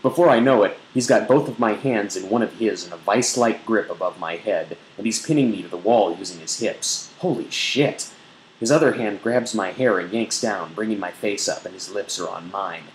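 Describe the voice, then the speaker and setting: A blogger reads an erotic novel aloud in a theatrical, mock-sensual dramatic style. His voice sits on the low side at a moderate pace, and the recording has a roomy echo with faint background noise.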